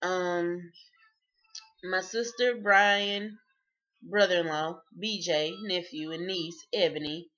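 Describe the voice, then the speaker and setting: Chatty low-voiced woman, dull lo-fi recording. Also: fairly even intonation, slow, a bit bright. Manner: chatty, laughs often, many fillers. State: sleepy. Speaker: vlogger. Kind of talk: casual video diary. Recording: dull lo-fi sound.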